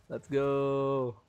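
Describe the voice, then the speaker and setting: A man's mid-range voice, a little mellow and clean in tone, carries his live game stream. He talks casually and laughs a lot while explaining his build. Strain is audible in his voice as he holds back a cough.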